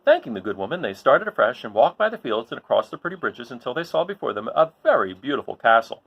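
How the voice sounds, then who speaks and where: A man reading a children's story aloud in an expressive style, as the host of a read-along. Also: medium pitch, quick pace, gravelly, breathy edge, muffled recording.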